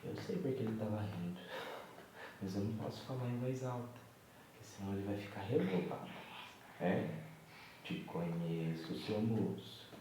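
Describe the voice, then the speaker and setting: Soft-spoken young father, roomy and distant. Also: fairly low pitch, moderate pace, pauses often, slight background noise. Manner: gentle, coaxing, moralizing. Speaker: vlogger and father. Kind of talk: talking softly to his baby son on camera. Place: home, at night. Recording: echoey room, voice from off-mic.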